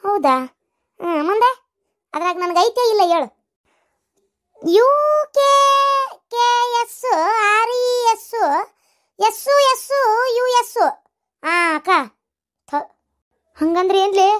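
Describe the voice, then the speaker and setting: A woman voicing chatty village women in a comic cartoon, with a North Karnataka Kannada accent and a shrill, exclaiming manner. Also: lively intonation, takes it slowly, long pauses, a bit bright, exaggerated voice. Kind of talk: cartoon voice acting.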